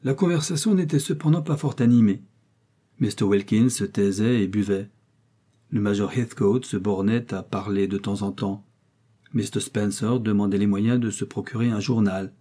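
A man narrating a classic novel as an audiobook, in a measured storytelling manner. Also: on the low side, warm tone, husky. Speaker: audiobook reader.

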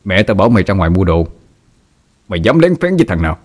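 A man's voice: low voice, animated, normal speed. A man voicing a cruel, jealous ghost husband who threatens and sneers at his young wife. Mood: angry, menacing.

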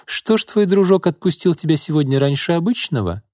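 A man reading an audiobook, voicing a domineering middle-aged woman who speaks in a harsh, scornful, drawn-out way. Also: fairly high pitch, sing-song, no room sound, studio quality, voice pushed up. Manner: scornful, sharp, drawn-out hissing lines. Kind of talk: audiobook character voice.

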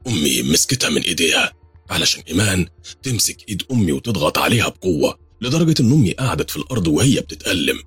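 A man's voice: sits low, very animated, rapid-fire, fairly bright tone, slightly rough, no echo, soft background music. A man with an Egyptian accent narrating a first-person horror story in a tense, dramatic way. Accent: Egyptian Arabic.

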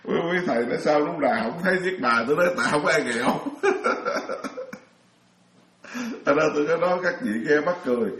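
Middle-aged monk, storytelling dharma talk, slightly high voice, roomy echo. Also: male voice, racing, few pauses, a bit bright. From Vietnam. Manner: chatty storyteller, laughs often, many restarts. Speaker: Buddhist monk lecturer.

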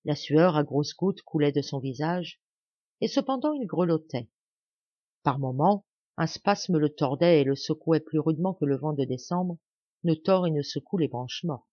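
A woman narrating a novel as an audiobook, with a steady, expressive reading, in a slightly dull, dry recording. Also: deep voice, normal speed, dry recording. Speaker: audiobook reader.

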